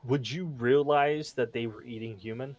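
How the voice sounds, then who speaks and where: A man's voice: medium pitch, moderate pace, muffled recording. A man co-hosting a podcast in casual chat, rambling as he reads his notes aloud. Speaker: podcast co-host.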